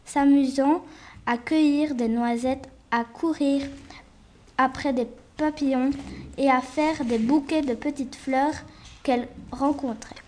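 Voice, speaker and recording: Slow, careful woman reading a fairy tale. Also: sits high, steady tone, darkish tone.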